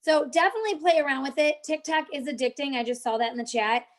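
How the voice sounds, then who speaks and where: Her voice sits high and she talks fast. The young woman runs a casual live-stream tutorial on social media tips, chatting with people in the chat as she goes.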